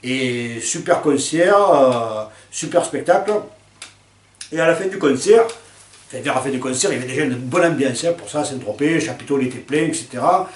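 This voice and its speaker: An older man telling a personal anecdote in a chatty, lively way, with fillers and laughs. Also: mid-range voice, moderate pace. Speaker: storyteller. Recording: roomy sound from a distant mic.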